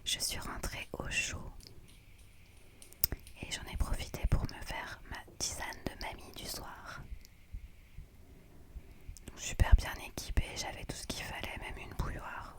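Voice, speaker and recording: A woman narrating an ASMR vlog in a quiet, hushed night-time whisper, close to the microphone. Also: measured pace, pauses often. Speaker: vlogger narrating her trip.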